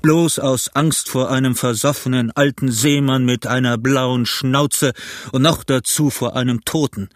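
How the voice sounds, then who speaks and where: Man doing Long John Silver, gruff pirate. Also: mid-range voice, unhurried, no echo, studio quality, natural voice. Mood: defiant, blustering. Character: scheming one-legged pirate captain, bold and cunning.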